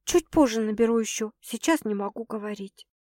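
A woman's voice: on the high side, a little fast, a little mellow, no room sound, clean studio sound, natural voice. A woman voicing a flustered, hesitant young woman. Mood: unsettled. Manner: hesitant, sighing, a little defensive. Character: flustered young woman, wary but curious.

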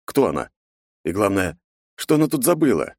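A man narrating an audiobook in a measured, expressive way. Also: fairly low pitch, dry recording, studio quality.

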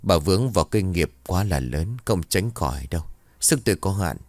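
A calm, wise old shaman, as a male narrator plays him, speaking in a deep, dry, measured voice. He sounds unhurried and knowing. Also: no echo. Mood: grave.

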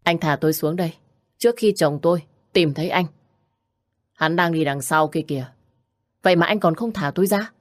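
A woman's voice: on the low side, moderate pace, pauses often, no echo, clean studio sound, close to an everyday voice. A woman reading the part of a young wife who speaks in a soothing but firm way in an audiobook. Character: calm, loyal young wife.

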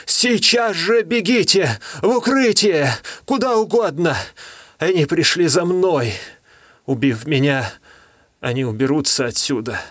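A man's voice: medium pitch, lively intonation, normal speed, a bit bright, dry recording, clean studio sound, voice pushed up. A man voicing an old, dying book hunter who groans and grumbles stubbornly, read in an audiobook. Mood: urgent.

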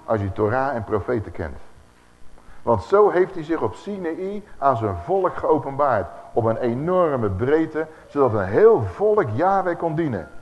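A man preaching a Bible teaching sermon, animated and putting rhetorical questions to his audience. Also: mid-range voice, measured pace. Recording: echoey hall, dull lo-fi sound, faint hiss.

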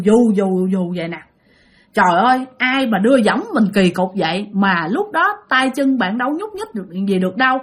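A woman narrates a ghost story, talking straight to her listeners in a chatty way. Her voice is fairly high and very lively, rising and falling a lot. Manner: animated, conversational, addresses listeners.

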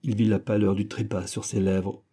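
A man narrating a classic story as an audiobook, reading in a measured, solemn way. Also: fairly low pitch, flat delivery, warm tone, breathy edge.

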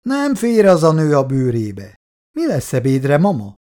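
A man reading a story aloud and voicing a calm, kindly older father who speaks in a mild manner. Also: on the high side.

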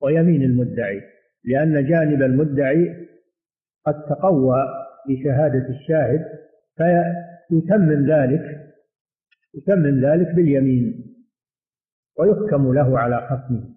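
A man teaching a religious lesson and answering questions, speaking in a measured way and often repeating his phrases. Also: a little high. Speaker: sheikh teaching hadith commentary. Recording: echoey room over a tinny phone-like line.

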